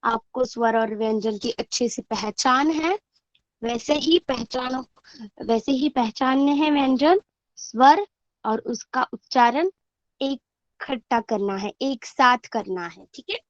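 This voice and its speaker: A woman's voice: sits high, no room sound, highs cut off. A woman teacher giving an online class to first graders, sounding out words syllable by syllable and asking the class questions that she answers herself. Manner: slow, clear syllable-by-syllable word drilling.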